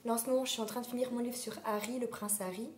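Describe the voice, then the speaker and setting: A woman vlogger chatting casually while hoarse from a sore throat, rambling with many fillers. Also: fairly high pitch, fairly even intonation, rapid-fire, a little mellow, slight background noise. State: sore throat, losing her voice. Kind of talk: casual chat. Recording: roomy echo.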